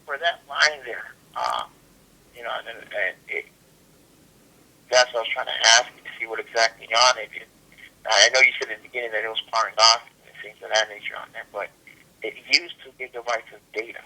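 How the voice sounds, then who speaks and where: A man's customer service voice on a telephone call, very bright and forward with a gravelly rasp. He is polite and procedural, often repeating words haltingly as he works through an account. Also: lowish voice. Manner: halting, repetitive phrasing.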